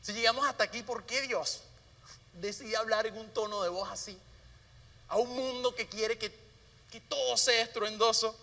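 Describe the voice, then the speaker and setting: A man with a very high, piercing bright voice delivers a sermon as pastor. He often sinks into a soft, hushed tone to stress a point. The sound carries a long reverb from a church hall. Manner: drops to a soft hushed voice for emphasis. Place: church sanctuary.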